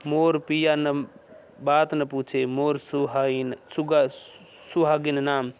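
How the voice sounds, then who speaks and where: A man's voice: on the high side, clean tone. A man voicing a scornful, taunting young village wife in a read-aloud story. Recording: dull lo-fi recording.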